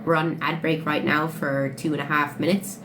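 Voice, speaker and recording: Her voice low-pitched and flat, a late-twenties Irish woman talks fairly quickly on a phone livestream with background noise. She answers chat questions in a blunt way and swears freely during this casual chat.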